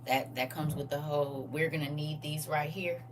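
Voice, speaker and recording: A woman in her forties with a low voice hosts a casual livestream and reads viewer comments aloud in an animated, teasing way. Her mic sits a little away from her, and there is a faint hum behind her. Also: moderate pace, far from the mic.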